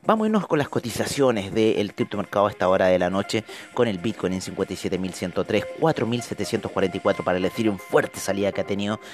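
A man's voice: fairly low pitch, lively intonation, fast, hardly any pauses, soft background music. A man hosting a crypto market show, giving live commentary in a conversational way with rhetorical asides to the viewers. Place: studio with trading screens, indoors.

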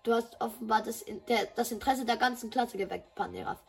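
A woman's voice: on the high side, steady tone, a little fast, creaky, soft background music. A woman voicing a friendly, encouraging male biology teacher in a game dub. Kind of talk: dubbing game dialogue.

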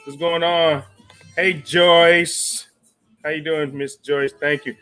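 A man's voice: fairly high pitch, flat delivery, takes it slowly. A man hosting a live stream show in a casual, laid-back way, greeting viewers by name and using easy slang. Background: jazz music playing softly.

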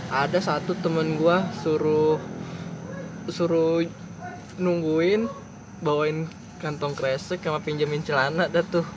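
A man's voice: a little high, little pitch movement, takes it slowly, pauses often, highs cut off, noisy background. Sheepish young man with Jakarta slang. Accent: Jakarta slang Indonesian. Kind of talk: casual chat.

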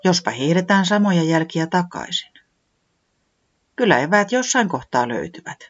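A thoughtful storybook animal friend , voiced by the reader, talks in a somewhat raised, lively voice that muses and gently suggests plans. The sound is dull and lo-fi. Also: medium pitch, voice pushed up. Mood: reassuring. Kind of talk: storybook reading.

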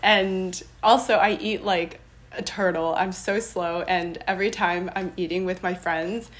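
This young woman from Los Angeles has a lowish, steady voice. Guesting on a podcast, she keeps the interview chat casual, sounding bubbly, laughing a lot and restarting her sentences quickly.

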